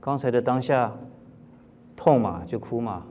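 Male Buddhist lecturer, mid-range voice, calm and plain, teaching with rhetorical questions. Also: mid-range voice, unhurried, a little hiss or hum. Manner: calm, plain-spoken, with rhetorical questions and soft throat-clearing. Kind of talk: dharma lecture.

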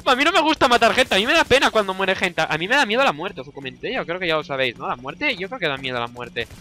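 A young man with a Spanish accent from Spain, giving let's play commentary, excitable and shouting orders at his teammates while swearing constantly. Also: high-pitched, fast. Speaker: gaming YouTuber.

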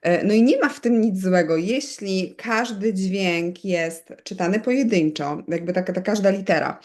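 A middle-aged woman from Poland, a teacher of bilingual children, speaking in an easygoing interview. She explains at length, keeps turning to her listener with quick asides, and fills pauses with small hesitations. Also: medium pitch, a little mellow. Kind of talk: conversational expert interview.

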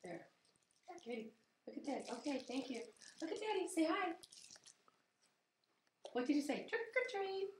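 A mother coaxes her toddler in a fairly high voice, caught on an old VHS home video tape. She is across the room from the camcorder, so she sounds far off and echoey. A faint tape hiss runs underneath. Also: big pitch swings, normal speed, pauses often. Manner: coaxing a toddler. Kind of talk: home video talk with children. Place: family home, indoors. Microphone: camcorder mic from across the room.

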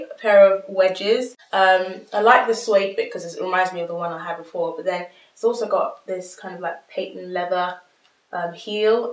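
A young woman vlogger with a cold, talking through her clothes haul in a nasal, chatty way full of ums and likes. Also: lowish voice. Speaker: fashion vlogger. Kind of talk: casual haul vlog. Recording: roomy sound, mic at a distance.

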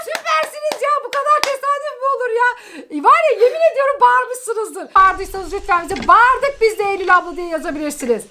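High-voiced mom cheering through a game. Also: female voice, a little fast, hardly any pauses, slight background noise. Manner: excited, cheering, addresses viewers as friends. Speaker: mother playing a video game with her daughter. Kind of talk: lively family gaming commentary.

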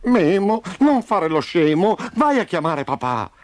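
Hurt, tearful young boy put on by a male storyteller, high and pleading, storybook. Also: big pitch swings, measured pace, dry recording. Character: hurt crying young boy, tough gang leader.

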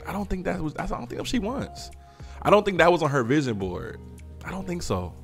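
Male podcast host, lively swinging pitch, teasing and laughing, faint music behind. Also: brisk, vocal fry. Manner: animated, laughing often, teasing rhetorical questions. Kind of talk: casual commentary.

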